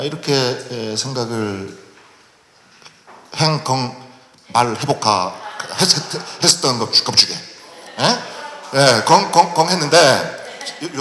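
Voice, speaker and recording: A middle-aged man from Jeju moderating a public forum in a formal, halting manner, with many pauses. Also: a little high, bright, forceful tone. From Jeju, South Korea. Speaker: panel moderator. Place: large lecture hall at a public forum. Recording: echoey hall recording with faint noise.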